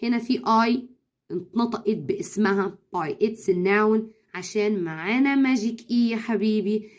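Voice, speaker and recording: A woman with an Egyptian Arabic accent, an English tutor giving brisk advice to parents, slipping in English words and slowly sounding out syllables. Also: medium pitch. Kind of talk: instructional talk to parents.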